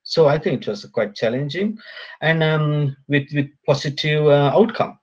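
Heard in lo-fi sound, a man from Sri Lanka with a fairly high-pitched voice talks as a guest in a relaxed remote interview. He lectures at a polytechnic, and his delivery halts often, packed with fillers and restarts.

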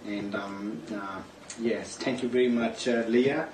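A man's voice: lowish voice, fairly even intonation, a little slow. A man with a Punjabi accent introducing himself, hesitant and full of uhs. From Punjab, India. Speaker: association member. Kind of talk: casual self-introduction. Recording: echoey room, distant mic, noisy.

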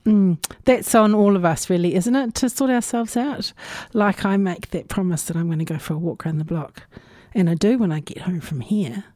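Woman, New Zealand accent, radio host, relaxed dark tone, conversational asides, dry close-miked studio sound. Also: lowish voice, moderate pace, hardly any pauses, no echo. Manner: musing, conversational, unscripted asides. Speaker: community radio music show host. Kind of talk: casual radio chat between songs. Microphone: close radio studio microphone.

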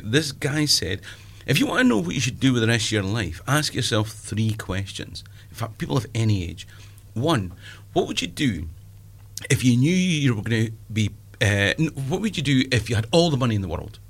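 Here a stand-up comic from Scotland, a man in his fifties, chats casually with an interviewer. His voice sits on the low side but has a fairly bright tone, and his talk is self-deprecating and packed with tangents.

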